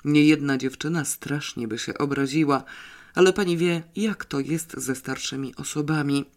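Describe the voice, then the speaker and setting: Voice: mid-range voice, moderate pace, lightly acted. Reader doing a flustered, rambling young man. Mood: chatty. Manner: rambling, apologetic, eager. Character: flustered chatty young man, apologetic nephew. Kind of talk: audiobook character voice.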